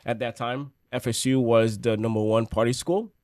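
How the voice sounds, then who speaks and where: A man's voice: medium pitch, fairly even intonation, moderate pace, darkish tone, no echo, clean studio sound. A man in his forties from Haiti, a podcast guest telling his story in an easygoing way. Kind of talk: casual interview.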